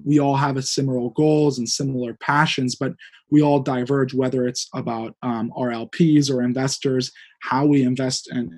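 A man's voice: mid-range voice, a little mellow, husky. A man in his twenties from Hungary, a guest director of a student fund, answering thoughtfully with many fillers and hedges. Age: 20s. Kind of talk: interview.

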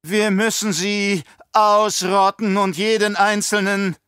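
A man's voice: high voice, level tone, a bit bright, smooth, dry recording, studio quality, pitched above the performer's own voice. A man doing a gasping, panicked old baron. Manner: gasping, pleading, drawn-out. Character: scheming, terrified fat old male baron.

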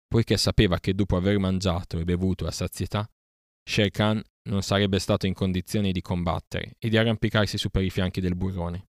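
A man narrating a storybook audiobook in a steady, measured way. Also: low-pitched, dry recording, studio quality.

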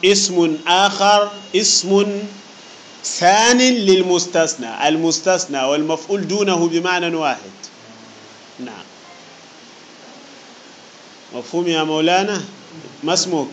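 A man's voice: high voice, moderate pace, a bit bright. A man teaching an Arabic grammar lesson to students in a classroom, explaining patiently with worked examples, repeating key points and checking that they understand. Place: teaching room with students present.

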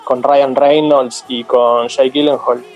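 A man's voice: medium pitch, level tone, soft background music. A man with an Argentine accent, chatting casually and recommending films on a remote panel. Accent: Argentine Spanish. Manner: fast slangy talk. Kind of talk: casual group chat.

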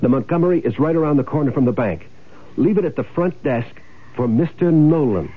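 Here the greedy schemer of an old-time radio noir, a bossy husband behind an insurance swindle, narrates in the first person and barks orders impatiently. His male voice sits on the high side, expressive and a little fast with a breathy edge, and he sounds commanding and scheming. Music backs the muffled old broadcast.

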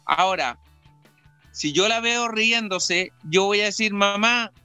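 A man's voice: high voice, takes it slowly, pushed and bright, smooth, no echo, faint music behind. A man hosting a casual radio chat in a studio, talkative and teasing, lecturing at length. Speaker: radio host.

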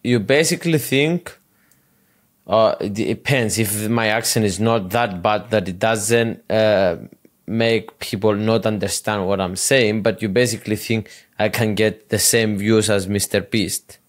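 A man hosting a podcast, asking questions in a halting, careful way during a casual interview. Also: lowish voice, steady tone. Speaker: podcast host.

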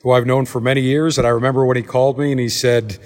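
A male show host at a middling pitch leads the interview in a chatty, storytelling way. He keeps his guest talking. A long room reverb from the vast tasting hall hangs on his voice. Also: flat delivery, quick pace, a little mellow. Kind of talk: hosted interview. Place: large brewery tasting room.

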